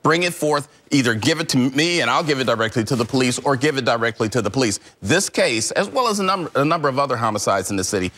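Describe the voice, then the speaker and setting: A middle-aged man, a former homicide detective, answering questions in a live TV news interview in a measured, emphatic way, stressing key words. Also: mid-range voice, animated, fairly bright tone.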